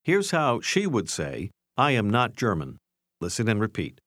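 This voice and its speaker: Man, language course narrator, lively intonation, low voice, dry studio sound. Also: a little slow, no echo. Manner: clear, guiding prompts. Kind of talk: scripted instruction.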